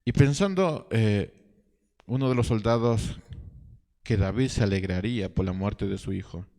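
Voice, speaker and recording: A man preaching a sermon as pastor, telling a story with rhetorical questions and halting restarts. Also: on the low side, a little mellow, long reverb tail. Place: church hall.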